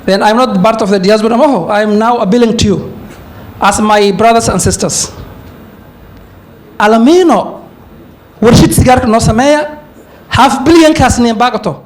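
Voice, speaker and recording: A man's voice: extremely high pitch, moderate pace, pauses often. A man from Somalia with a Somali accent, giving an emphatic forum talk as a university lecturer and switching between English and Somali. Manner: emphatic lecturing, with asides and chuckles.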